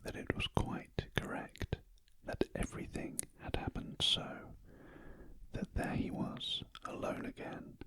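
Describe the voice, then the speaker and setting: A man with a British accent whispers a story as ASMR, close to the ear. The whisper is breathy and fully unvoiced, with a slow, gentle delivery. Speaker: audiobook reader. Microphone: close ear-to-ear ASMR microphone.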